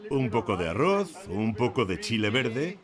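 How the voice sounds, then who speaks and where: A man's voice: mid-range voice, sing-song, moderate pace. Cheerful man at a food stall. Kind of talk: casual chat while cooking. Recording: crowd chatter behind.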